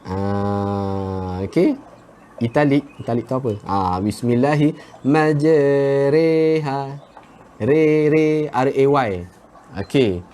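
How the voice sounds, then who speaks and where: A man teaching Quran recitation in a live lesson from a garden, relaxed and chatty, drawing out example words slowly. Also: mid-range voice, slight background noise. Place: outdoors in a garden with birdsong. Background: birdsong.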